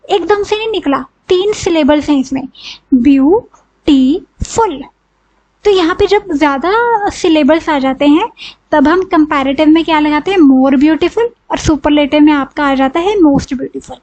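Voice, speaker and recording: On a recording with the highs cut off, a woman with a high, slightly mellow voice and an Indian accent gives a grammar lesson. She breaks things down step by step, answers her own questions, and repeats "ठीक है" a lot.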